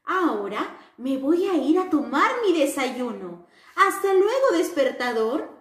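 A delighted little cartoon square from a children's storybook, voiced by a woman, squealing high and sing-song as it admires every square it meets. The voice swoops up and down slowly, and a roomy echo hangs around it. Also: very animated, full character voice. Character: cheerful vain cartoon square, friendly and childlike.

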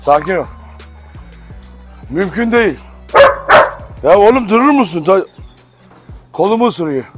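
A man's high, lively voice gives slow, firm commands to dogs, now soothing, now scolding. Music plays clearly behind him throughout. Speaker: dog farm owner. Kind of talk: handheld dog-handling vlog.

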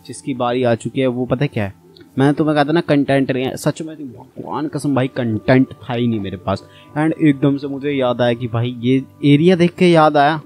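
A young man hosts a gaming channel, offering casual, chatty commentary on his own gameplay and speaking directly to his viewers, whom he calls brother. His voice is mid-range and a little mellow.

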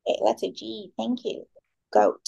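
A woman's voice: on the high side, very animated, moderate pace, gravelly, dark tone, husky, dull audio. A young woman teaching a children's English class, who calls on pupils by name, repeats their answers and mixes English words into her instructions.

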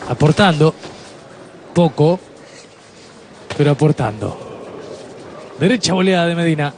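A man's voice: fairly high pitch, animated, measured pace, darkish tone. Man calling boxing, faint venue noise. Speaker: boxing play-by-play commentator. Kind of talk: terse live blow-by-blow commentary.

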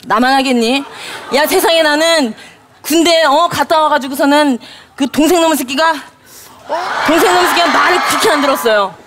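A woman's voice: high-pitched, fairly quick, background noise, lightly acted. A woman playing a brassy, flirty former army drill instructor who is now a woman, in a stage comedy sketch. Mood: chatty. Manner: teasing, coy, then loud and rowdy.

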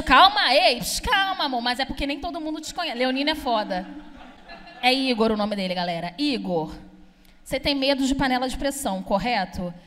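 A young woman from Brazil, speaking, does a stand-up comedy set on a club stage. Her voice sits high, and she talks in a brash, chatty way, teasing the audience and swearing freely. The room adds a long, ringing reverb. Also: pushed and bright. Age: young adult. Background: audience laughter.

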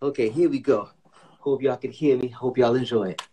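A man's voice: mid-range voice, fairly even intonation, brisk, heavy background noise. A young man talking casually to viewers before singing, hyped and friendly, on a home video call. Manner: hyped, chatty, addresses viewers as y'all. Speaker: singer. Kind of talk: live-streamed song performance over a backing track. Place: living room at home. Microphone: handheld mic on a video call. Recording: backing music loud behind the voice.

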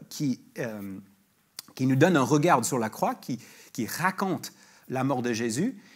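A man giving a sermon as a guest preacher in church, talking in a conversational way with frequent restarts, and reading scripture slowly and emphatically. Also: fairly high pitch, husky. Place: church sanctuary.

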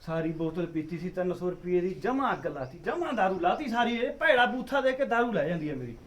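A man's voice: sits high, animated, fairly quick, slight background noise. A man playing a quarrelsome drunken village husband, speaking with a Punjabi accent. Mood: angry. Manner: loud, quarrelsome, slurring drunk. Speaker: drunk husband arguing with wife and mother.

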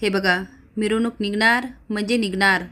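A woman's voice: mid-range voice, fairly even intonation, normal speed, sharp tone, natural voice. A woman voicing a defiant older village elder who stands up to the police and rallies the villagers. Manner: defiant, rallying.

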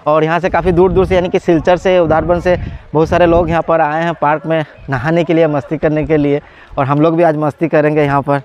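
The audio sounds dull, carrying a fairly high-pitched male voice. It belongs to a vlogger in his forties who has a cold and is filming himself by phone at arm's length at an outdoor water park, chatting eagerly, laughing often, and hesitating with many fillers.

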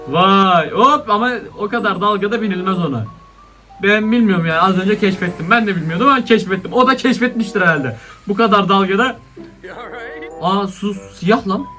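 A young male YouTuber with a high, sharp-toned voice reacts to funny clips. His commentary is casual and slangy, with frequent laughter and exclamations.

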